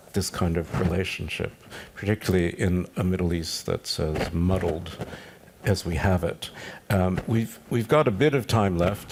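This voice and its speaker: Low gravelly-voiced male moderator. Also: slight background noise. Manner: relaxed, steering the talk, inviting questions. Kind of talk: panel moderation.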